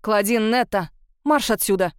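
A woman's voice: medium pitch, normal speed, clean tone, no echo, clean studio sound, natural voice. A woman voicing a domineering middle-aged mother who scolds harshly in an audiobook. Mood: scolding.

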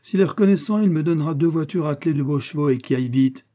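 A man's voice: on the high side, fast talker, warm tone, voice pushed up, close to an everyday voice. A man reading the part of a greedy young woman courtesan in an audiobook, eager and demanding.

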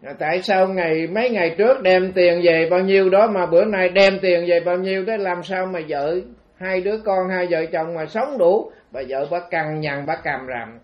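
Male monk, Southern Vietnamese accent, rambling storytelling sermon, high voice, muffled lo-fi tape. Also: normal speed, hardly any pauses. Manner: chatty, meandering, frequent fillers. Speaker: Buddhist monk. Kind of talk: storytelling dharma talk. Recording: dull lo-fi recording.

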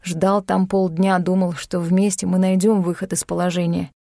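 Woman narrator voicing a nervous, pleading middle-aged man, mellow and rough. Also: on the low side, flat delivery, dry recording, studio quality. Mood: shaken. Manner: shaken, halting, pleading.

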